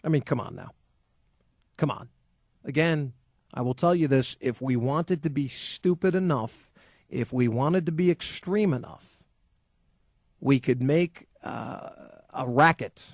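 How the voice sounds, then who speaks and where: A man's voice: mid-range voice, animated, unhurried, long pauses, a little mellow, no echo, clean studio sound. A man hosting a sports talk radio show, ranting in a combative, sarcastic, emphatic way and then taking calls. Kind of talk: opinionated talk radio rant. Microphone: studio microphone.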